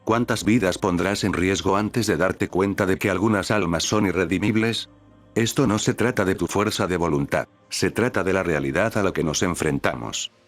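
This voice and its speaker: Bitter cynical shadow guy, a man reading him, deep low voice, sneering. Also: moderate pace, soft background music. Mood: scornful. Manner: scornful, resentful, swearing.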